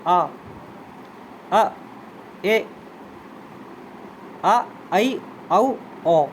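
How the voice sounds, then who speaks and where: A man's voice: sits high, a little hiss or hum, rough recording. A man teaching a Hindi grammar lesson, repeating terms and sounding out example vowels while inviting students to try them. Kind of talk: classroom lesson explanation.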